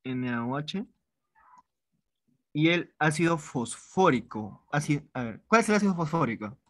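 On a clean, echo-free studio recording, a man from Peru with a rather high, animated voice talks at normal speed. As a chemistry tutor giving an online review class, he stays casual and repeats words as he writes problems on a board.

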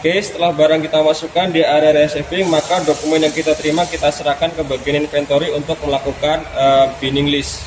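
Talking fast in a fairly high, level voice, a warehouse worker explains procedures step by step with frequent hesitations. The instructional walkthrough is recorded in an echoey room with background noise.

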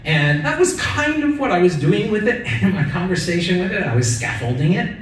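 A man's voice: high voice, big pitch swings, brisk, a little hiss or hum. A middle-aged man speaking as a keynote speaker at a lectern, earnest and personal, often checking in with "right?". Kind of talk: conference keynote talk. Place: large conference hall, at a lectern. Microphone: lectern mic, recorded from the audience. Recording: very echoey hall from far off.

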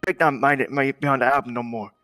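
A man's voice: mid-range voice, fairly even intonation, fast, bright, forceful tone, no echo, lightly acted. An intense, brooding music boss played by a man in a crime game role-play. He is aggrieved and menacing, repeating his lines for effect, recorded close and dry with music behind him. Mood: brooding menace.

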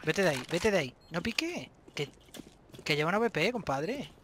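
A man's voice: a little high, animated, brisk. A man from Spain with a Spanish accent, chatting casually and giving short callouts while playing a shooter game. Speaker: gamer. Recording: noisy game mic with gunfire. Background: video game gunshots and clicks.

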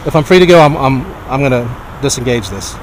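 A man's voice: medium pitch, animated, fast, slight background noise, poor audio. A man working as a journalist, standing on a public sidewalk and insistently asking police whether he is free to go. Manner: insistent, repeatedly asks if free to go. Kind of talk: street confrontation with police.

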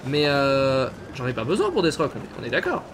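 A man's voice: medium pitch, wildly swooping pitch, fairly quick, fairly bright tone, a little hiss or hum. A man from France commentating his gameplay, chatting and swearing at his viewers. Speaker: gaming streamer. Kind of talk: let's play commentary. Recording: game sound mixed behind voice.

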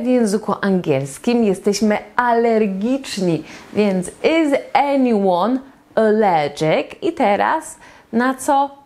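A woman teaching English in a slow, patient lesson at a whiteboard, repeating each example phrase several times. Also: mid-range voice, a little mellow.

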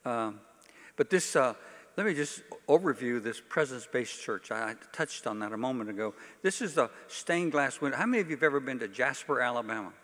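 Brisk and expressive, an older man's medium-pitched, fairly bright voice echoes at length through a large, reverberant hall. He's a pastor running a workshop, teaching a conference audience informally with folksy, dry-witted asides.

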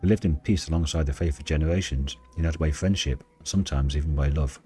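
A gentle, ancient dryad of a fantasy game read by a man in a very deep, mellow voice. The delivery is solemn and wistful, like storytelling, over faint music. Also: fast. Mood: mournful. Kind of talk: video game dialogue read aloud.

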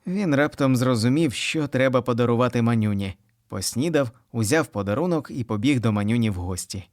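A man narrating a children's story in an expressive storytelling manner. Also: medium pitch, a little fast, no room sound, clean studio sound. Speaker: audiobook narrator.

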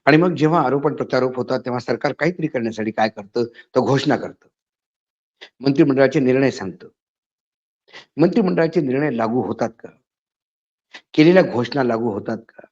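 A man's voice: medium pitch, a little fast, long pauses, a little mellow. A man giving an indignant spoken editorial, his voice rising to emphatic outbursts. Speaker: political commentator. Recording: slightly dull lo-fi audio.

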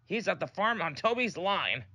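A man voicing a brisk, stern middle-aged railway boss who speaks in a curt, dismissive way, with music behind. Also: high voice, sing-song, pushed and bright, breathy edge, pitched above the performer's own voice, heavily acted.

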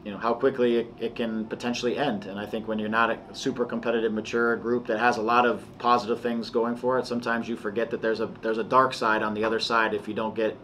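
A man in his forties speaks as a soccer coach at a post-match press conference, his voice lowish and even, rarely rising. He answers in a measured, halting way, full of restarts and fillers. A faint hiss sits under the voice. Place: press room before a sponsor backdrop.

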